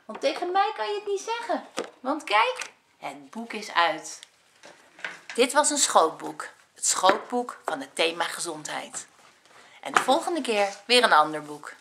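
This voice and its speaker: A woman kindergarten teacher reading a picture book aloud to young children, expressive and asking them questions. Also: on the high side, measured pace, gravelly, noisy background. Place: school room. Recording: echoey room.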